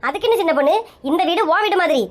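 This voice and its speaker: A woman's voice: extremely high pitch, expressive, rapid-fire. A woman with a Kanyakumari Tamil accent, acting a bossy, scolding elder sister in a comedy sketch. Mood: chatty.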